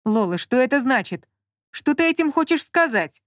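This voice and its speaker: A woman reading an audiobook, voicing an easygoing, puzzled grown man in a mild, unhurried way. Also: medium pitch, no echo, clean studio sound, close to an everyday voice. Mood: indignant.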